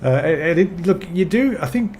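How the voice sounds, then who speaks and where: A man hosting a podcast interview, who talks in a halting way with frequent restarts and repeated words. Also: high-pitched, animated, a little mellow, slight background noise. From Australia. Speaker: podcast host.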